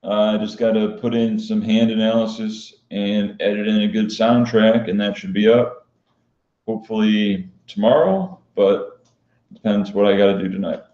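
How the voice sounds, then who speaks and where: A professional poker player and vlogger hosts a live stream, chatting casually through a Q&A. His low voice stays monotone at a normal speed, delivered flat, unhyped and matter-of-fact. The sound is dull and lo-fi, bouncing around an echoey room.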